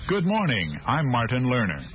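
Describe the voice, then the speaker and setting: An actor playing a friendly, inquisitive male reporter in a scripted textbook dialogue, asking questions in clear, even phrasing. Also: mid-range voice, normal speed. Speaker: language course dialogue actor. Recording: dull lo-fi tape with audible hiss.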